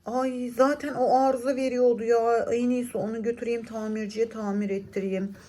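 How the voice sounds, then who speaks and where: A woman's voice: on the high side, flat delivery, normal speed, dark tone, slight background noise, natural voice. A woman voicing a chatty, suspicious mother in a children's doll-play story, mildly scolding. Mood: puzzled, grumbling.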